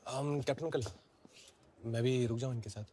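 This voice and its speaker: A man's voice: mid-range voice, steady tone, moderate pace, warm tone, lightly acted. A man dubbing a film role as an eager young newcomer who chivvies his friend along. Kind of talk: Hindi film dub.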